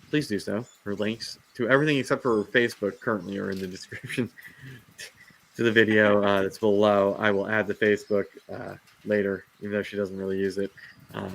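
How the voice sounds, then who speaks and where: Vocal fry runs through this man's fairly low, somewhat bright voice. Hosting a laid-back livestream about reptiles, he rambles and rants with plenty of fillers and restarts as his voice fades.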